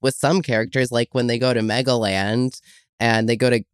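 Podcast co-host, casual chatty rambler, middle pitch, dry mic. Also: steady tone, moderate pace, clean tone, no room sound. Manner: rambling, hedging with many fillers. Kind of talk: casual chat.

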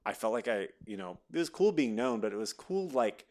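A man's voice: mid-range voice, fairly quick. A man in his thirties, a podcast guest, telling stories in a casual interview and acting out what other people said. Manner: animated, acts out quoted voices while telling stories.

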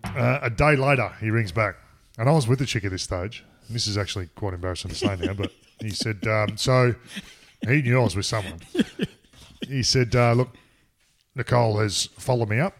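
A man's voice: fairly low pitch, brisk. A middle-aged man with an Australian accent telling a rambling, crude story in casual chat. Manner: rambling, crude, laughs at himself.

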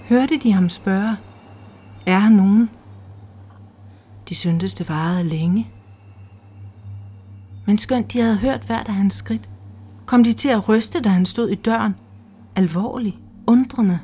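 A woman reading a literary short story aloud in a slow, hushed, measured way. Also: mid-range voice, husky. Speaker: reader. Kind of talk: scripted literary narration. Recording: faint music underneath.

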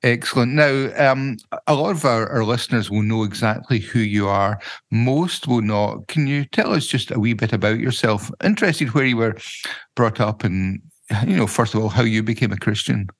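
A man's voice: lowish voice, normal speed. An older man with a Scottish accent hosting a church podcast, introducing and interviewing his guest. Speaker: podcast host, church mission director.

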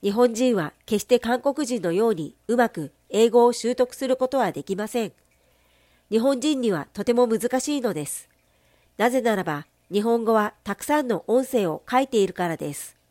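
A woman giving a steady, measured, formal reading of a translated sermon. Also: a little high, no room sound, clean studio sound.

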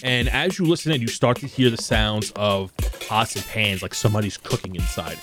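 A man as game master, narrating a tabletop game in a relaxed, descriptive way with casual fillers. Background music plays under his scene-setting. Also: lowish voice, fairly quick.

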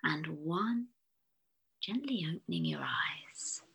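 A woman, a fertility therapist, speaking a whispered guided visualisation in a slow, soothing, hushed delivery. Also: fairly low pitch, expressive, slightly rough.

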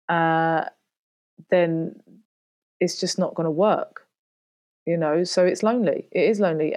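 A woman's voice: on the low side, darkish tone, dry recording. A woman guest in her forties talking candidly and reflectively, peppered with "you know", about her work and loneliness. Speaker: guest, singer and podcaster. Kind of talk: candid interview talk.

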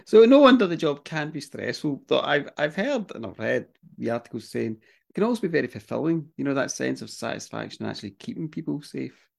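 Irish male co-host, gravelly, casual and self-mocking. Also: mid-range voice, sing-song, fairly quick. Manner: chatty, swears casually, self-deprecating. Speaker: podcast co-host. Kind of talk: casual chat.

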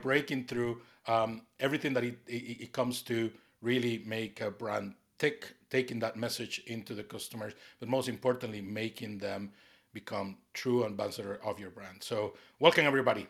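A man's voice: medium pitch, steady tone, normal speed, a bit bright. Man, podcast host, rambling, mid-range voice. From Costa Rica. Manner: enthusiastic, rambling, many fillers. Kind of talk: casual podcast hosting.

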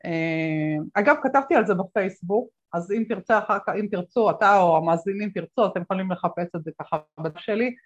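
A woman guest telling stories in an interview, animated, acting out the voices of people she quotes, with many fillers. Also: medium pitch, hardly any pauses, lo-fi sound. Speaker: guest speaker. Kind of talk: conversational interview storytelling.

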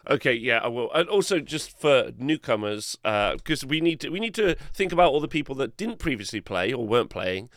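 A man's voice: medium pitch, sing-song, fairly quick, few pauses, fairly bright tone, no echo, studio quality. A man co-hosting a casual tabletop gaming podcast, reading rules aloud and talking hesitantly with many fillers. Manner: hesitant, filler-heavy, laughs easily. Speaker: co-host.

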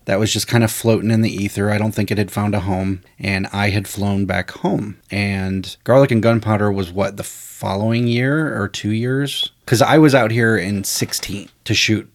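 A man co-hosting a podcast tells stories from his screenwriting career, rambling in a casual, animated way and dropping frequent "you know"s and "uh"s. His voice is on the low side, his speed is normal, and he barely pauses.

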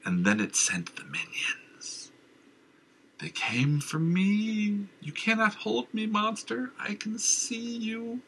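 A twitchy, haunted madman from a storybook, as a male narrator puts him on. He shrieks high and then sinks to breathy, rasping whispers, drawn out slowly. The sound is bright and husky. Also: animated, exaggerated voice, low-quality recording. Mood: raving. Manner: wild cackling ravings, drops to rasping whispers. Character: raving mad old man, haunted and twitchy.

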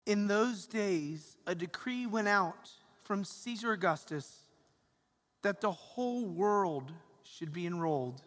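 A man's voice: high voice, animated, fairly bright tone. Man proclaiming in a cathedral echo. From Atlanta, Georgia, USA. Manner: slow, deliberate proclaiming. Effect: cathedral echo, long reverb. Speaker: priest. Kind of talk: Gospel reading at Christmas Mass. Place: large church. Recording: echoey church hall reverb.

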